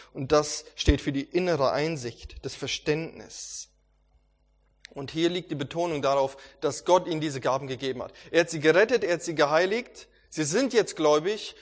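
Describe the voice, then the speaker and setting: A man preaching a Bible lesson in an earnest, emphatic way, driving points home through repetition. His voice sits a little high for a man, and he now and then stumbles and restarts a word. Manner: earnest, emphatic with repeated phrases. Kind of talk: Bible teaching sermon.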